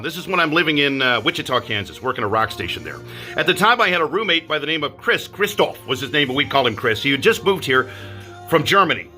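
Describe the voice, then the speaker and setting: Fast-talking, bright-voiced male storyteller. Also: on the high side. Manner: animated, emphatic anecdote-telling. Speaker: radio DJ. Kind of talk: casual storytelling to camera.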